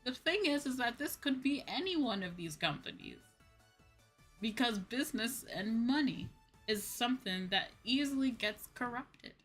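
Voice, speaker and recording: A woman VTuber hosts a casual livestream chat, speaking candidly with emphatic repetition and informal, sweary phrasing. Her voice is on the high side, expressive and fairly bright, slightly rough, at normal speed. Background music plays.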